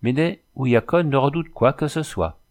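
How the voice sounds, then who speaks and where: A man's voice: mid-range voice, expressive, a little mellow, voice pushed up, lightly acted. Proud prophetic young native woman, voiced by a man. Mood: solemn. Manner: solemn, measured, speaks of herself by name.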